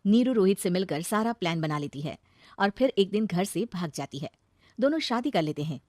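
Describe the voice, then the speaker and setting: A woman narrating a cartoon moral story in an even storytelling manner. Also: on the low side, a little fast, no room sound, clean studio sound.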